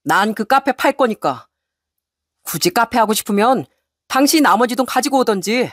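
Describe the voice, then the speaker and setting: A woman voicing a resolute husband who answers his wife in a cold, measured, firm tone. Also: on the high side, expressive, dry recording, studio quality, pitched above the performer's own voice. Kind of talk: story radio reading.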